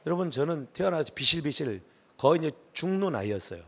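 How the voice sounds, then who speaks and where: A middle-aged male pastor preaching a sermon, emphatic, swinging from hushed asides to shouted pleading. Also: a little high, big pitch swings, fast, gravelly.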